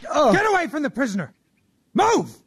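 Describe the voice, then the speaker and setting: An actor playing a cruel, mocking Roman guard who taunts a prisoner in an epic drama. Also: male voice, extremely high pitch, wildly swooping pitch, a little slow, exaggerated voice. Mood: angry. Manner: sneering, taunting. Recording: clear noise behind.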